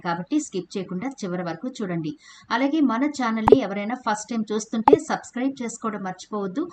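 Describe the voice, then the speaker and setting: A woman with a mid-range voice narrates a home remedy video in a steady, explanatory voice-over. She greets viewers as friends and walks through each step plainly. A faint hiss of noise sits under the recording. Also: medium pitch. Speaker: home remedy channel host.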